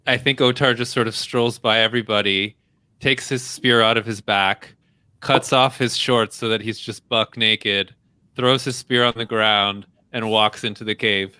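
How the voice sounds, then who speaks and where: Bright-voiced man joking over a game. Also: lowish voice, fairly even intonation, unhurried, clear, resonant tone, no room sound. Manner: joking, informal. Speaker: tabletop game player. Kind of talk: casual game chat.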